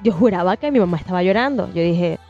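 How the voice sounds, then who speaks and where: A woman in her thirties, co-hosting a casual podcast chat, telling a personal ghost story with animated, acted-out detail. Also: on the low side, quick pace. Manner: animated storyteller, swears it's true, acts out scenes. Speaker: podcast co-host. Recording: dull lo-fi sound with faint music.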